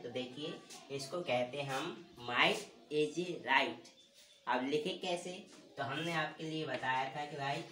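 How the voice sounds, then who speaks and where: A man with a mid-range, sharp-toned voice teaches English grammar, asking questions, answering them himself, and repeating key words. The room is echoey, the mic is distant, and faint room noise is audible.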